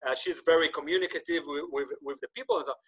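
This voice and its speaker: A native Hebrew-speaking man in his thirties hosts a casual podcast chat over a video call webcam. His husky voice is a little high for a man, his pace is quick, and he talks animatedly, gesturing and often stumbling and restarting sentences.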